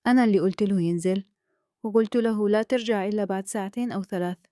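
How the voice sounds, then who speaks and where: Calm sneaky guy, hushed and smooth talking, kuwaiti accent, warm low tone, woman doing him. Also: rapid-fire, dry recording, clean studio sound, lightly acted. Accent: Kuwaiti Arabic. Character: calm, scheming man, husband's friend.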